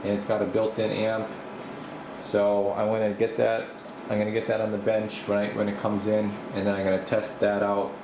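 A radio repair technician acting as video host talks casually off the cuff while showing his small indoor workshop, rambling and thinking out loud from behind the camera. His voice is on the low side with vocal fry, captured by the camera mic amid roomy acoustics and a steady hum similar to an air conditioner.

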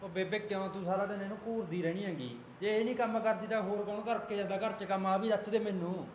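A man's voice: high-pitched, steady tone, fast talker, roomy sound, slight background noise, natural voice. A young man from Punjab playing an easygoing husband who defends his wife, coaxing and placating. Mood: arguing. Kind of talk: amateur village drama acting.

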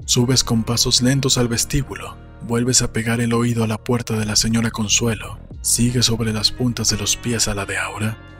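Soft background music sits under a man narrating a novel, measured and solemn, his middling voice close on a desk microphone. The scripted literary audiobook reading takes place in a small room indoors, and he wears headphones.

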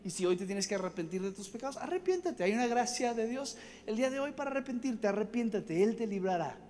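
A young man with a high, fast voice delivers a storytelling sermon from a conference hall stage, rambling animatedly from one anecdote to another, cracking jokes and acting out voices. The hall is reverberant, with faint ambience.

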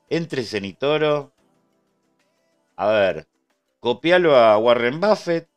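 A lowish, clean-toned male voice with an Argentine accent hosts a relaxed live trading stream. He chats freely with viewers, responding to their messages and thanking subscribers.

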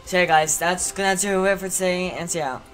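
Bright, excitable gamer voice. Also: medium pitch, a little fast, faint music behind. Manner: excitable, easily frustrated. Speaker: gaming channel host. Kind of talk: live gameplay commentary.

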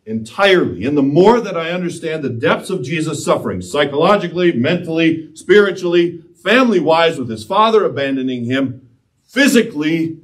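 A pastor in his thirties delivers a sermon in a mid-sized church sanctuary, his medium-pitched voice swinging from loud, impassioned peaks to hushed passages. Standing before the altar, he gestures widely. He is captured by a distant camera with no handheld mic, so he sounds far away.

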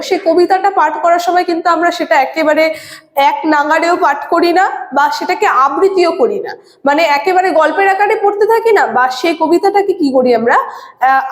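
Female teacher with a high voice, patient explainer, echoey classroom with long reverb. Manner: explains patiently, often adds tag questions. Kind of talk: classroom lecture.

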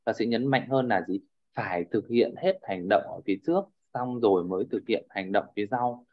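Guy teaching class on a video call, lowish voice, muffled lo-fi audio. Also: fairly quick. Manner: keeps checking with students, repetitive fillers. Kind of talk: online class lecture.

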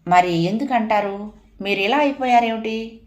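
A woman voicing a caring young wife who gently coaxes her husband, read aloud in a storybook. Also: a little high, moderate pace, reverberant, dull audio, natural voice. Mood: coaxing. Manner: soft, coaxing.

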